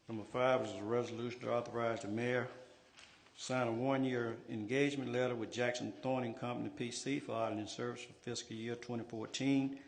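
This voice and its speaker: A man's voice: medium pitch, creaky. A man presiding over a council meeting as its president, running formal procedure. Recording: noisy meeting room ambience.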